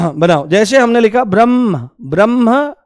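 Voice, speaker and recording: A man's voice: sits high, clear, resonant tone, no room sound, clean studio sound. A young man teaching a Hindi grammar class who keeps quizzing his students with questions and stretches out the answers in a sing-song way. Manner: repeats key answers in a drawn-out, sing-song way. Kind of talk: classroom lecture.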